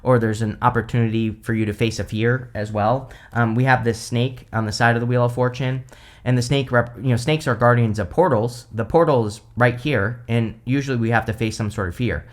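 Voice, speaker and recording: A man with a mid-pitched voice reads tarot as a host would, off the cuff. He explains each card conversationally, wandering a bit and addressing the listener directly. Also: steady tone, brisk. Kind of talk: casual unscripted tarot card reading, explaining cards.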